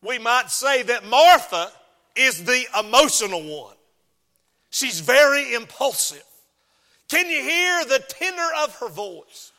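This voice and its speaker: A man's voice: very high-pitched, big pitch swings, slow pace, pushed and bright. A male pastor preaching a sermon in a church sanctuary, calling out to the congregation and building to outbursts. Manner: preaching with call-and-response and rising outbursts. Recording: long hall reverb.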